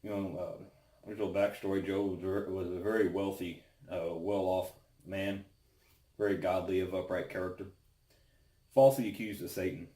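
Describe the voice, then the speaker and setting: Very low-voiced man, halting devotional talk. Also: steady tone, warm tone. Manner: halting, pausing often mid-sentence. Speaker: devotional host. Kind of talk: casual devotional talk with Bible reading. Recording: roomy, echoing sound.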